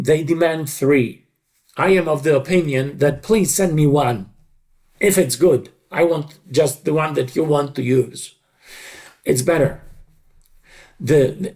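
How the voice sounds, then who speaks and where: A middle-aged creative director in dubbing, appearing as an interview guest, answers conversationally in an emphatic, explanatory way, frequently repeating short phrases. His voice is a little high and slightly mellow.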